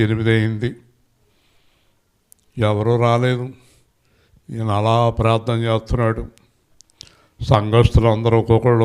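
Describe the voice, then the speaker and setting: A man's voice: lowish voice, a little mellow, clean tone. A male pastor preaching a Christmas sermon, telling a story and urging the congregation to respond aloud.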